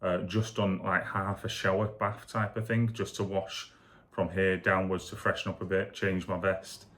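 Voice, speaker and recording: A man speaking candidly and casually in a rambling video diary, foggy and low on energy after surgery. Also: level tone, normal speed, fairly bright tone. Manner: rambling, candid, matter-of-fact. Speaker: vlogger recovering from shoulder surgery.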